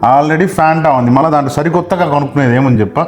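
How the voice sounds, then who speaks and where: A man's voice: a little high, racing. A man acting as the husband in scripted comedy skits, lecturing in an exasperated way. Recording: echoey room with music behind.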